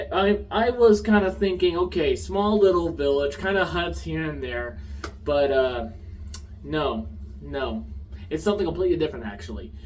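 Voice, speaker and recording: A young man giving a casual, sarcastic TV show review, now and then getting loud. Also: a little high, distant mic, a little hiss or hum, poor audio. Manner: animated, sarcastic, gets loud.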